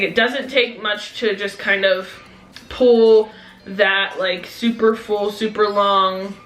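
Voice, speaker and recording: Her voice is medium-pitched and fairly bright as this young vlogger casually reviews a beauty haul, peppering everything with "um" and "like." The recording picks up an echoey room and faint noise.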